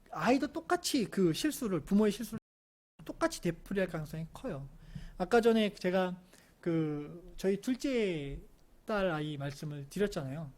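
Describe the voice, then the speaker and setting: A middle-aged man giving an earnest parenting lecture, telling personal stories about his children and at times pausing and restarting his sentences. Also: high-pitched. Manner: earnest, softens into gentle soothing when quoting comfort to his daughters; hesitant, with fillers and restarts. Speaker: parent educator.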